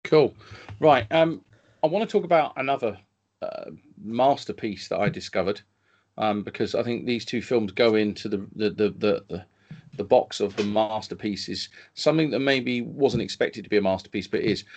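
A man's voice: fairly low pitch, moderate pace, darkish tone. A man co-hosting a film podcast, talking casually and enthusiastically, often restarting his sentences. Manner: enthusiastic, stumbling over restarts. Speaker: podcast co-host reviewing films. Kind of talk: casual chat.

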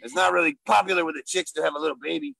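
A man voicing a gruff, silly male gorilla who wants to be a stand-up comic, talking in broken English with loud bursts. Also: on the high side, racing, no echo, full character voice, low-quality recording. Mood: boastful. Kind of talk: improvised comedy character interview.

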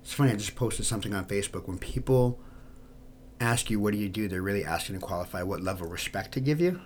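An American man from New York hosting a podcast, talking informally to listeners in an earnest, personal and plain-spoken way. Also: on the low side. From New York, United States. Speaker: podcast host.

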